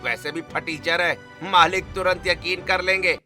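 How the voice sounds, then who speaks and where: A man plays a scheming store worker in an animated story. His delivery is sneering and bright, and it sits a touch high. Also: normal speed, soft background music. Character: scheming male store staffer.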